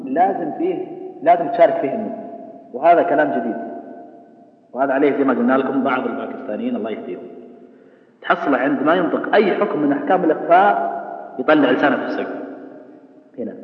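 A man teaching tajweed, questioning his students and stretching out example words slowly. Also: a little high. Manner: asks the class questions and answers them himself, drawing out example words slowly. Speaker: Quran recitation teacher. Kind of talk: tajweed lesson explaining and demonstrating pronunciation. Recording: distant, echoey hall, dull sound.

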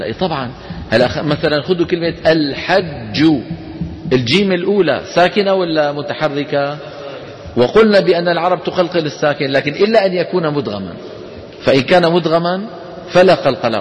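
A man's voice: fairly high pitch, slight background noise. A man teaching a class. He explains step by step, poses questions and answers them himself. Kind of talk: classroom lesson. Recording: long hall reverb.

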